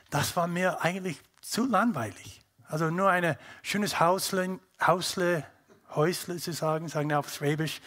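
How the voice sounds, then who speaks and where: A middle-aged man from North America, a native English speaker with an English-speaking North American accent in German, gives a personal testimony to an audience, searching for words as he goes. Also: on the high side.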